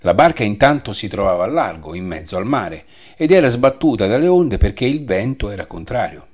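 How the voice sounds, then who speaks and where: A man teaching a Bible study, reading scripture aloud and explaining it in a measured way that repeats the references. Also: fairly low pitch, darkish tone.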